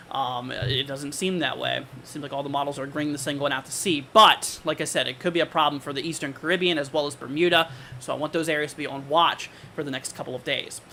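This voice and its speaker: A man's voice: on the high side, pushed and bright, a little hiss or hum. A man hosting a live weather forecast, talking informally and conversationally as he thinks aloud. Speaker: weather livestream host.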